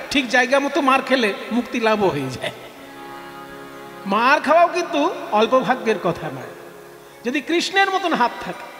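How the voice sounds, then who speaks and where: A male devotional preacher, explaining scripture by asking questions and repeating words for effect. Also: very high voice. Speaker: kirtan preacher. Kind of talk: devotional kirtan discourse. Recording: echoey hall, soft music behind.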